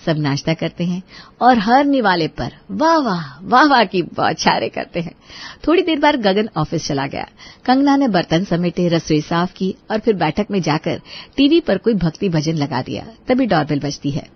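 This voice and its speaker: A woman giving scripted storybook narration for a cartoon, telling the story smoothly and evenly. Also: on the low side, very animated, normal speed, muffled recording.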